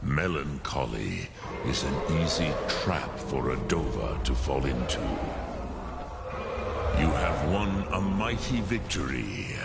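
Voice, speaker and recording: An actor playing an ancient, wise, melancholy male dragon in a fantasy game, speaking gravely and formally with a deep gravelly voice. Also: exaggerated voice. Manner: slow, grave, formal, archaic phrasing. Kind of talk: fantasy video game dialogue. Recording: loud rumbling noise behind the voice.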